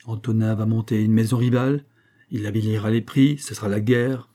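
A man reading aloud and voicing a calm, measured husband who speaks deliberately. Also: fairly low pitch, lightly acted. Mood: placid. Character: placid middle-aged husband, calm and stubborn.

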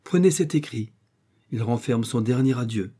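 Brief: man voicing a kind old governor in a storybook, grave and fatherly, dark husky voice. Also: medium pitch, animated, normal speed. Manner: grave, paternal.

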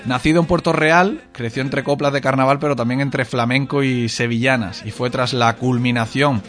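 A man hosting a radio interview, speaking in a measured way with frequent filler sounds. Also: medium pitch, fairly even intonation, a bit bright. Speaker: radio host.

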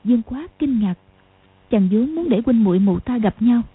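A woman narrating a martial arts novel as an audiobook in a steady, dramatic reading. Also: a little high, moderate pace, slightly rough. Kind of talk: storytelling narration. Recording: tinny lo-fi audio.

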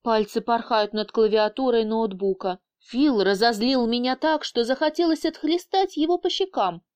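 A woman reading an audiobook in the first person, with a lively, sardonic storytelling manner. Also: a little high, moderate pace, smooth. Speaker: audiobook narrator.

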